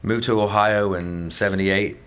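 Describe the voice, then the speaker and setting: A man's voice: fairly low pitch, steady tone, normal speed, a bit bright, clean tone. A middle-aged man hosting a podcast, chatting casually in a rambling way, restarting often and saying "man" a lot. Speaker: podcast host. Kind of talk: casual chat.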